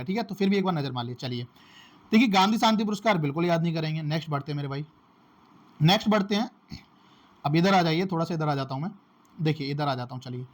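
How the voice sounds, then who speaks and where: A man teaches exam facts through memory tricks. He talks casually, repeats each point several times, and keeps calling his listeners his brothers. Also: sits high. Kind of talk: casual classroom-style lesson.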